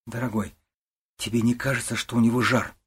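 Man reading a gentle young wife, soft, hushed, pleading, breathy tone. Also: mid-range voice, level tone, fairly quick, pitched above the performer's own voice.

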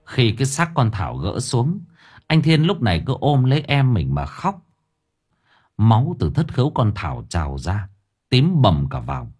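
Expressive male storyteller, lively pitch. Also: normal speed, husky. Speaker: audiobook narrator. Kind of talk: storytelling narration. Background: faint music bed.

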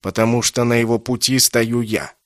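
A man's voice: mid-range voice, steady tone, normal speed, no room sound, clean studio sound, close to an everyday voice. A man voicing a haughty, manipulative male mage in an audiobook, speaking imperiously and coldly. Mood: persuasive. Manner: imperious, coaxing, then clipped and cold. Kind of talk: audiobook character reading.

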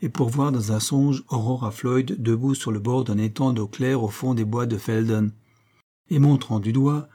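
A man narrates a classic novel in measured, expressive audiobook style. His voice is dark and mellow, with a husky, breathy edge, at a middle pitch. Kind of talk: scripted literary narration.

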